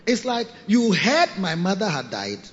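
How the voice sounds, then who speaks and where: A man, a bishop and pastor preaching a sermon with sung phrases and sudden soft asides. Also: sits high, wildly swooping pitch, unhurried. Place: large cathedral hall. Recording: dull recording with long hall reverb.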